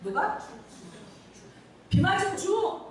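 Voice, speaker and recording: A middle-aged woman pastor preaching a sermon, lively and direct with her congregation, acting out little scenes. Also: extremely high pitch, drawn-out words. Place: church sanctuary. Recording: echoey church room, mic at a distance.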